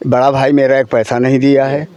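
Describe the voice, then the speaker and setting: A man's voice: medium pitch, little pitch movement, fairly quick, warm tone, no room sound, dull audio. A man who is a village head, speaking in a field interview in a plain, dismissive way.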